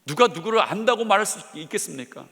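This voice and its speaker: A middle-aged senior pastor preaching a sermon, with emphatic rhetorical questions, in a large church sanctuary. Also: male voice, sits high, animated, fast, vocal fry, bright, forceful tone. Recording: long hall reverb of a church.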